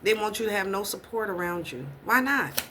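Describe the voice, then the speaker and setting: A woman's voice: mid-range voice, quick pace. Woman, tarot reader, blunt, swearing, repeated questions, noisy recording. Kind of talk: casual tarot reading.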